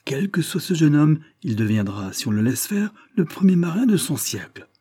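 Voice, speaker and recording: A learned navigation master from a storybook exclaims in astonished admiration, as a man voices him. The voice is lifted high, with a husky grain. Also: very animated, normal speed, warm tone, no echo, studio quality. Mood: amazed.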